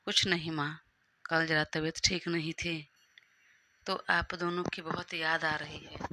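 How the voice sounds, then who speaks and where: A woman's voice: low voice, level tone, measured pace, pushed and bright, a little hiss or hum. A woman voicing a confused, heartbroken young woman who keeps questioning her own feelings in a Hindi audio story. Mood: downcast. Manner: questioning herself in an anxious inner monologue.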